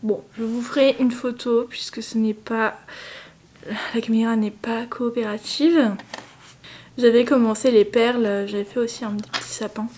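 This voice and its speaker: A woman's voice: fairly high pitch, fairly even intonation, normal speed, darkish tone, slight background noise. A young woman chatting casually in a home vlog, rambling with self-mocking asides. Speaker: vlogger.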